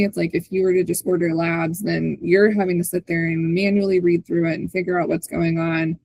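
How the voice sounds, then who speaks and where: Hosting an online community call with screen sharing, a woman walks through things informally, often checking in by ending points with "right?". Her voice is low-ish, with vocal fry, a little mellow and slightly rough, on a low-quality recording with no echo.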